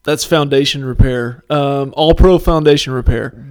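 A man's voice: medium pitch, normal speed, darkish tone, no room sound. An American man chatting and joking casually as a quiz contestant.

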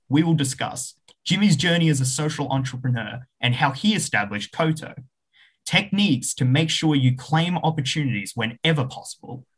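A man's voice: mid-range voice, fairly bright tone, husky. A man hosting a podcast interview, polite and reading a prepared intro. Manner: polite, reads a scripted intro. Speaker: podcast host.

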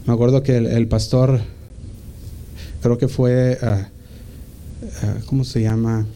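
A man's voice: medium pitch, flat delivery, slow pace, mellow. A man preaching a sermon, reading scripture with rising emphasis and talking casually with restarts between verses.

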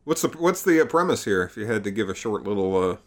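A man's voice: fairly low pitch, very animated, fast talker. A man co-hosting a movie marathon chat, asking questions and steering the talk along in a dry, easy way. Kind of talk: casual chat.

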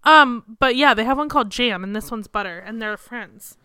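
A woman's voice: fairly high pitch, smooth, dry recording. A woman in her thirties co-hosting a podcast, teasing and laughing in casual chat. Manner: teasing, animated, quick to laugh. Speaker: podcast co-host.

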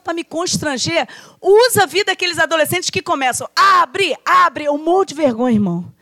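A middle-aged Brazilian woman preaching, her voice pitched high and bright. She tells stories from home with lively energy and acts out the voices in them. The sound is dry and close. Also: no room sound. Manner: lively, acts out quoted voices, often addresses "irmão". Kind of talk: sermon with personal storytelling.

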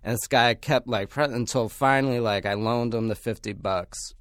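A man's voice: mid-range voice, moderate pace, a bit bright, no room sound. A man talking as a podcast guest, telling casual stories in a rambling, blunt way, full of fillers and swearing. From Pennsylvania, United States. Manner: rambling, heavy use of fillers, blunt and profane. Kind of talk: casual storytelling.

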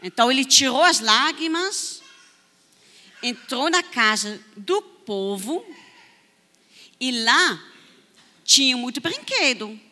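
A woman missionary telling a story to children at church, animated and sing-song. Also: high voice, slow, long pauses, long reverb tail. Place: church hall.

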